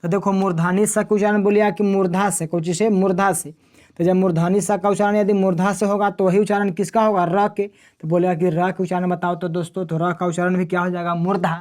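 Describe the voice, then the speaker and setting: A man's voice: high-pitched, level tone, a little fast, a little mellow. A man teaching a grammar lesson, repeating sounds and answering his own questions in drills. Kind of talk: classroom grammar lesson with call-and-response drills.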